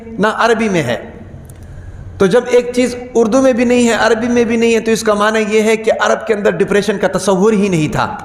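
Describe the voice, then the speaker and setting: A man giving a Friday sermon, who keeps putting rhetorical questions to the congregation and repeats key words for emphasis. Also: sits high. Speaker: preacher. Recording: echoey hall with long reverb.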